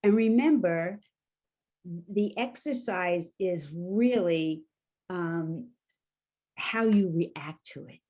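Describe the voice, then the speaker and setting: A woman with a New York accent, coaching in a gentle, measured and inviting way as she leads an instructional session. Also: lowish voice. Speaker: coach leading a training session. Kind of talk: instructional talk and guided awareness exercise. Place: online video call.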